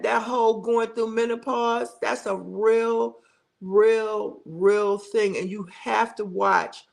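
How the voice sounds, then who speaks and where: Chatty middle-aged woman with a gravelly voice. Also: medium pitch, poor audio. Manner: chatty, repeats words for emphasis, reads out viewer comments. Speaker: livestream host. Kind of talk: casual livestream chat. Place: at home.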